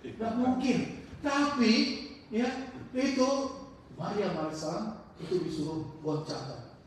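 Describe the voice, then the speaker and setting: This high-voiced man runs a relaxed religious study circle, captured from a distance amid the boom and echo of a mosque hall and a faint underlying hiss. His speech is halting as he searches for words, yet he tells stories vividly, acting out what people said.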